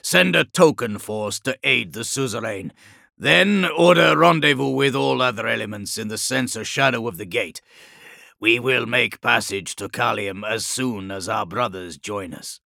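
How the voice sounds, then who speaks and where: Gravelly, tense, slow-spoken wounded commander, cold and bitter, as a male narrator puts him on in a storybook reading. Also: mid-range voice, sharp tone, dry recording, studio quality. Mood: commanding. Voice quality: raspy, gravelly. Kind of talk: audiobook character voice.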